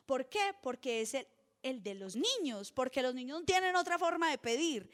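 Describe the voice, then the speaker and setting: A young woman, preaching earnestly at a retreat, moving between soft asides and emphatic points. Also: high voice. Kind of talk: sermon.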